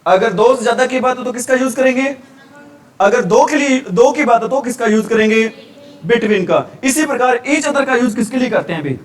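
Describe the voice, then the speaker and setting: A man's voice: very high voice, animated, moderate pace, recorded from a distance. A man teaching a grammar revision class, posing questions and answering them himself. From India.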